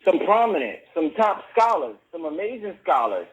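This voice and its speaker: A man's voice: fairly high pitch, very animated, normal speed. A man hosting a casual interview, hesitant and full of fillers as he builds up to a point. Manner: hesitant, stacks fillers and agreements. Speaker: host. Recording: tinny phone-like line.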